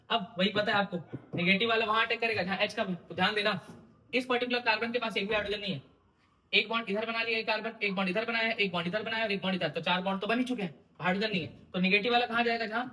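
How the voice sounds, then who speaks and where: A young man lectures on chemistry for exam prep, firing questions at his students and answering them himself. His voice sits high and sounds bright and sharp, with a teasing, informal edge. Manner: quizzing, repeating questions to students. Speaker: chemistry teacher.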